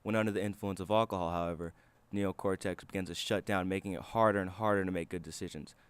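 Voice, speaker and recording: A man's voice: low voice, fairly even intonation, fast talker, clean tone, no echo. A man reading a scripted video essay as a student narrator.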